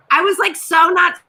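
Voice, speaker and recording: A woman talking casually as a guest on a video-call panel, lively and quick to laugh, with frequent restarts. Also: very high-pitched. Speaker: television executive guest.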